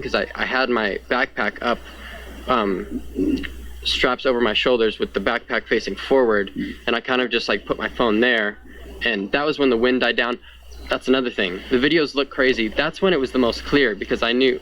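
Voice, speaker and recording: Being interviewed about surviving a fire, a young man speaks earnestly and conversationally, leaning on "like" frequently. His medium-pitched voice has a sharp tone, and the audio is poor with clear background noise.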